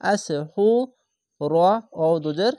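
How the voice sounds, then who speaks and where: Brief: a male Quran reading teacher, slow and syllable-by-syllable, a fairly high voice, dry close sound. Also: a little mellow, no echo. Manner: slow, spells each syllable then reads it whole, repeats. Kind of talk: spelling-out recitation lesson.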